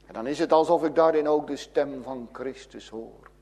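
A man preaching a sermon in a fervent way, moving between loud pleading and hushed, low passages. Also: moderate pace. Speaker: pastor.

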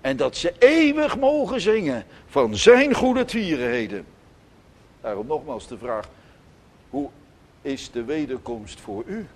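Male preacher, unhurried sermon, voice swings high and low between loud calls and soft asides. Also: very animated. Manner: emphatic preaching, rising to loud declarations and dropping to soft asides. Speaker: pastor. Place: church.

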